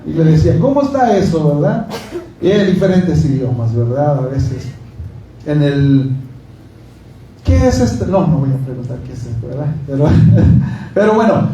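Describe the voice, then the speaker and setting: A man's voice: a little high, expressive, moderate pace, pauses often, mellow, muffled recording, a little hiss or hum. A man preaching a sermon in a church, chatting with the congregation, asking them questions and joking. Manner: conversational preaching, asks the congregation questions, jokes. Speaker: pastor. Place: church hall. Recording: echoey hall, from far off.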